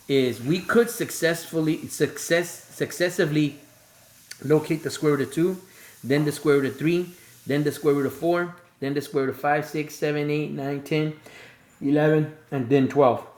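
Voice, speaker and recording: A man's voice: a little high, steady tone, moderate pace, a little mellow, roomy sound. A man teaching a screen-recorded math tutorial, thinking aloud step by step and correcting himself as he goes.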